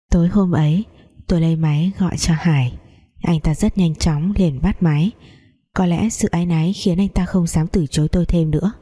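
Dark-voiced woman telling a story. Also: on the low side. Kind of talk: first-person story narration.

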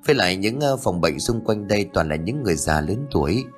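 A man voicing a brisk young female nurse who scolds a patient, in an audio story. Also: fairly low pitch, animated, soft background music, close to an everyday voice. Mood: stern. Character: stern young woman hospital nurse.

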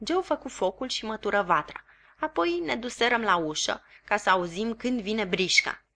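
A woman reading a classic novel aloud as an audiobook, in measured, even storytelling. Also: medium pitch. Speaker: audiobook reader. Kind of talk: literary audiobook narration.

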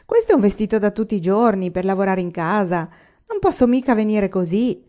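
A woman's voice: medium pitch, expressive, a little fast, dark tone, close to an everyday voice. A woman reading the part of a spirited young frontier woman who speaks frankly and firmly. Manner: frank and firm.

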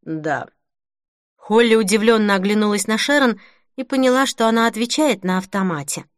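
A woman narrating an audiobook in an even, measured read at a close microphone. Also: fairly high pitch, dry recording. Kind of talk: scripted narration.

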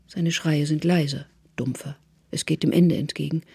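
Brief: husky radio drama narrator, measured and hushed, dry close sound. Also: medium pitch, steady tone, no room sound. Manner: measured, often hushed to a whisper.

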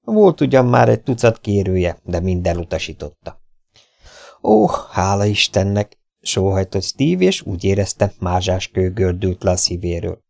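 A man narrating a novel as an audiobook reader, with steady, even storytelling. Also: deep voice, vocal fry, dry recording, studio quality. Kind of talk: scripted narration.

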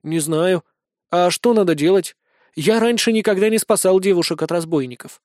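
A man's voice: high-pitched, moderate pace, a little mellow, no echo, clean studio sound, lightly acted. A man voicing a naive young man who speaks in a plain, matter-of-fact, innocent way in an audiobook. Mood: earnest. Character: naive young man, earnest and literal-minded.

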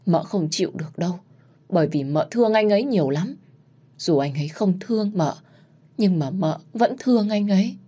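A woman voicing the spirit of a gentle dead woman, who speaks in a pleading, tearful way. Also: medium pitch, expressive, normal speed, lightly acted.

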